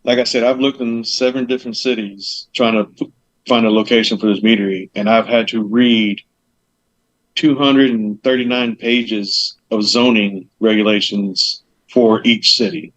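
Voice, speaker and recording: A man's voice: on the low side, fairly even intonation, moderate pace, a bit bright, no room sound. A man chatting as a podcast guest about opening a business, rambling, with loose fillers and lots of side detail. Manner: chatty, rambling, acts out conversations. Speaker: guest, meadery owner. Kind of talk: casual podcast interview. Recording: dull lo-fi dry audio.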